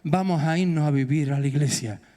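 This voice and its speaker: A man's voice: a little high, brisk, warm tone, lightly acted. A preacher voicing a little girl who pleads with her father, in his own near-everyday voice. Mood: pleading. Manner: insistent, pleading. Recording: echoey church hall.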